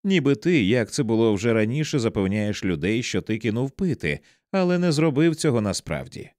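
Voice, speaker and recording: Man voicing a sharp, tearful wife. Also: lowish voice, very animated, normal speed, no echo, clean studio sound. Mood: angry. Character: anxious, angry wife confronting her husband.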